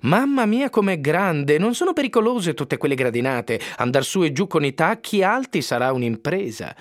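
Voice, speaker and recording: A man reading aloud who voices a young woman playing dumb, in a shrill, squealing tone. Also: sing-song, normal speed, dry recording, clean studio sound. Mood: faux-naive.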